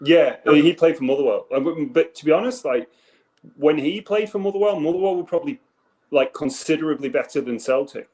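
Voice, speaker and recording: A man's voice: on the high side, expressive, brisk, darkish tone. A man who works as a teacher, giving blunt, matter-of-fact opinions in a casual podcast chat.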